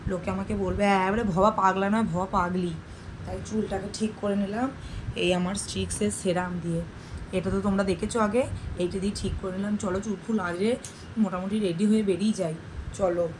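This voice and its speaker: Woman, 30s, West Bengal Bengali accent, chatty home vlog, mid-pitched, running tap behind her. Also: fairly even intonation, brisk. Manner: talks straight to viewers, repeats herself often. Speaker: home vlogger. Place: home kitchen. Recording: running tap noise in kitchen.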